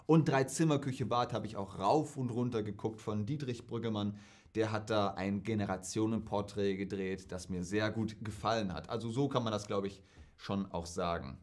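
A young German man answering viewer questions in a casual, lively Q&A vlog, chatting and acting out quoted speech. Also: on the low side, normal speed.

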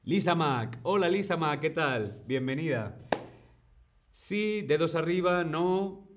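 A man teaching a live-streamed Spanish lesson, repeating phrases slowly for learners and greeting viewers in the chat, a little sore in the throat. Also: fairly high pitch, animated, background noise.

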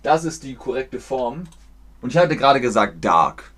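A man from Germany teaching German on a livestream, explaining slowly, clearly and patiently. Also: mid-range voice, sing-song, fairly bright tone. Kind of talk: livestream language lesson.

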